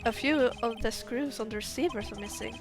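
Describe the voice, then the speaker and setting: A woman's voice: on the high side, fairly quick, over music. A woman streamer reading game narration aloud, laughing often between lines. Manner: laughs often, reads unhurriedly.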